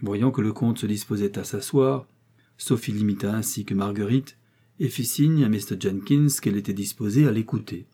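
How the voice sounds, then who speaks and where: A man reading a classic novel aloud as an audiobook narrator, in a measured storytelling manner. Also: on the low side, mellow, slightly rough. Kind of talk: scripted narration.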